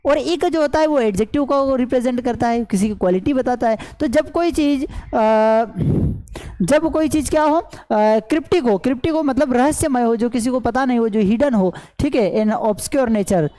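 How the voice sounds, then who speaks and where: A woman's voice: a little high, normal speed, mellow, rough recording. A woman teaching English root words as an online class teacher, explaining each word and then asking and answering her own questions. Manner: repetitive question-and-answer teaching, many fillers. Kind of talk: explaining lesson in Hindi with English terms.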